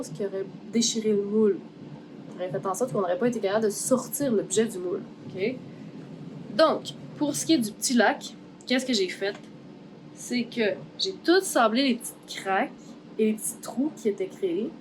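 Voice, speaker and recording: A woman's voice: medium pitch, noisy background. A woman with a Québécois French accent in a casual making-of vlog, explaining her steps informally and thinking aloud, with some English words mixed in. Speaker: craft artist, vlog host. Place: art workshop. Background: background music.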